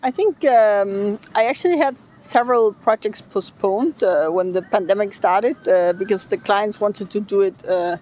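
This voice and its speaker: A woman's voice: mid-range voice, normal speed, few pauses, warm tone. Middle-aged woman from Denmark, interview guest, thoughtful, hesitant, outdoors. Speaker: interview guest, business consultant. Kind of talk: casual interview. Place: outdoors by the beach.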